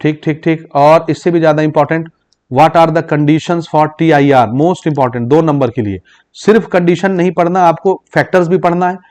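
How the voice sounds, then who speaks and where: This Chhattisgarh-based teacher has a fairly high, slightly mellow voice and is coaching students for a physics exam. Speaking Hindi laced with English terms, he checks understanding with repeated "ठीक" ("okay?") and reads English questions slowly.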